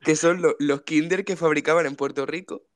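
A man's voice: a little high, fairly even intonation, a little fast, no echo. A man from co-hosting a casual comedic podcast, telling stories, laughing often and acting out quotes. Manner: jokey storyteller, laughs often and acts out quotes. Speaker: podcast co-host.

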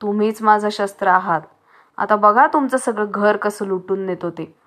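A woman's voice: medium pitch, moderate pace, a bit bright, natural voice. A woman voicing a bold male thief who poses as a plumber and talks in a bossy, threatening way. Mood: menacing.

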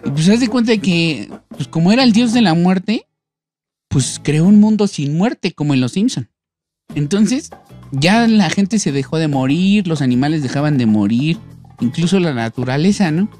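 A man's voice: a little high, lively intonation, moderate pace, darkish tone, soft background music. A man with a Mexican accent retelling an old myth in a casual, slangy, crude way, like a friend telling a story among buddies.

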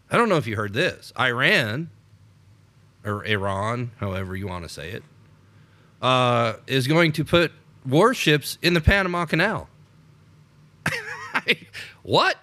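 An American man co-hosts an unscripted political podcast in a voice on the high side, pushed and bright. He rambles, laughing and restarting his sentences over and over.

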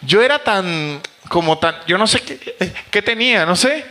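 Bright-voiced Venezuelan man telling stories. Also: high voice, a little slow. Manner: animated storytelling, swearing freely. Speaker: comedian. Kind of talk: live comedy podcast chat. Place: theater stage before a live audience.

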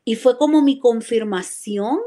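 Earnest woman with a high voice. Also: unhurried, mellow. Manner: earnest and emotional, often addresses the listener as "hermano"; repeats and restarts phrases as she recalls events. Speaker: church member giving a testimony. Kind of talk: live religious testimony.

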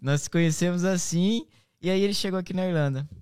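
A man hosts a chatty podcast with an accent from Brazil's São Paulo interior. His voice is cracked, reedy and hoarse, and he talks in a slangy, animated storytelling way. The sound is dry and close. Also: high-pitched, quick pace, no echo. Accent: Brazilian, interior São Paulo state. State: hoarse from shouting. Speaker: podcast host.

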